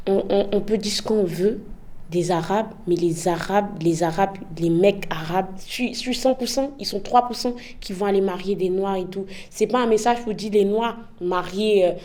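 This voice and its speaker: A woman's voice: medium pitch, dark tone. A young woman giving frank, impassioned interview answers, often tagging her points with "en fait". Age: young adult. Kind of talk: candid interview testimony.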